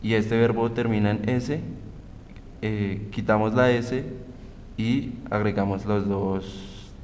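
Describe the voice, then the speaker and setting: A young man from Colombia explains grammar rules slowly, pausing and restarting mid-sentence. His voice is low and flat, with a long reverb and a faint rumble behind it. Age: young adult. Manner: slow, halting explanation. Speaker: student presenter. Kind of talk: reading a grammar tutorial.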